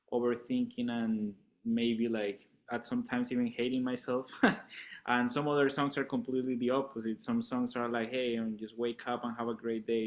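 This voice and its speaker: This is a guest musician from Colombia, a man speaking at medium pitch in a laid-back interview. He laughs a lot and uses plenty of filler words as he talks.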